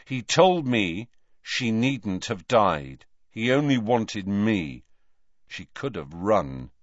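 A man voicing a quiet, steady teenage boy who presses his point in a level voice, in a storybook reading. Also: lowish voice, takes it slowly, no room sound, muffled recording, full character voice. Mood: near whisper.

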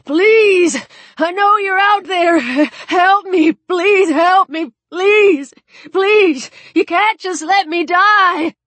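A woman's voice: very high-pitched, extremely slow, fairly bright tone, no echo, voice pushed up, heavily acted. A woman narrator voicing a panicked old male hunter trapped in freezing water, breathless and stuttering. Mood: desperate pleading.

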